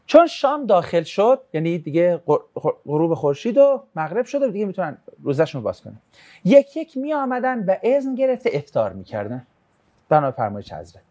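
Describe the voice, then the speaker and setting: A religious class teacher in a relaxed, conversational lesson. The teacher reads student questions aloud, answers them with jokes, and retells a religious tradition as a story. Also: mid-range voice. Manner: shifts into storytelling when recounting a religious tradition.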